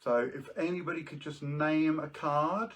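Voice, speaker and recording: A man's voice: a little high, normal speed, a bit bright, far from the mic. A British man doing jokey kids' party magician patter, presenting tricks on a live show with casual asides to viewers. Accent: British English.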